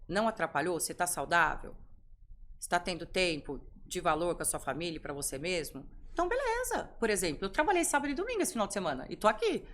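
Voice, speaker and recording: A middle-aged woman on a podcast, her voice on the low side, telling stories and asking herself rhetorical questions. A faint noise sits behind her. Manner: animated storytelling, rhetorical questions. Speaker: podcast guest. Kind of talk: conversational interview.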